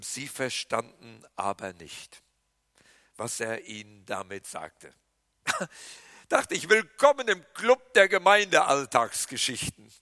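A man preaching a sermon as pastor, animated, with loud emphatic lines that drop to hushed quiet passages. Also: medium pitch, no room sound.

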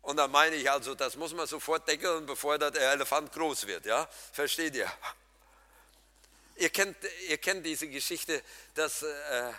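A man preaches a sermon with a bright, forceful voice, chatting directly with his congregation. He moves between loud emphatic lines and hushed ones. His voice carries a long reverberant tail from a church hall. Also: on the high side, measured pace. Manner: lively, humorous, addresses congregation directly; swings between loud emphatic and soft quiet passages.

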